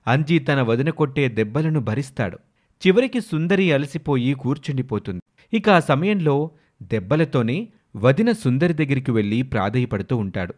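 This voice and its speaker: A man narrating a moral story for a cartoon in a steady, plain storytelling manner. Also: mid-range voice, moderate pace.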